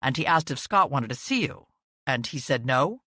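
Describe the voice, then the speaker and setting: A man's voice: mid-range voice, expressive, normal speed, sharp tone, no echo, clean studio sound. A woman narrator voicing an intent male investigator questioning a witness in an audiobook. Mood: probing. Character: quiet, probing adult male investigator.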